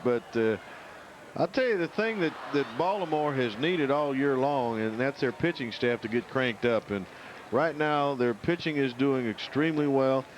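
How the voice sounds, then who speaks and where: A male baseball color commentator with a medium-pitched voice talks through the game in a folksy, conversational manner. Ballpark noise is clearly heard around him. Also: normal speed. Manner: folksy, colloquial. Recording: noisy outdoor ballpark broadcast.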